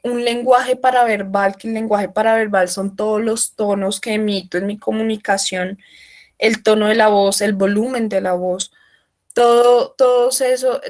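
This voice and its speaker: A woman leads an online training session, speaking up loudly so remote listeners can hear her. Her voice sits a little higher than most, and she explains things patiently, often pausing to check that everyone follows. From Colombia. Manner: explanatory, asks frequent check-in questions. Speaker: workshop trainer.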